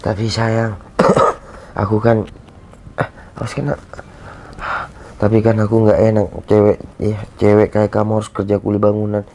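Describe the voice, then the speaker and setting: A man's voice: lowish voice, level tone, moderate pace, pauses often, darkish tone, a little hiss or hum, natural voice. A man playing a sick, guilty husband. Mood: weary. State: feverish and dizzy. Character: ailing young husband, guilt-ridden and apologetic. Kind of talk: amateur skit acting.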